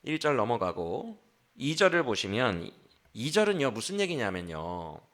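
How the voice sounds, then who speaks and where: A man preaching a sermon as pastor, acting out the quoted speech with sudden changes in loudness. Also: normal speed. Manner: animated, acts out quoted speech with shifts of pitch and loudness. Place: church.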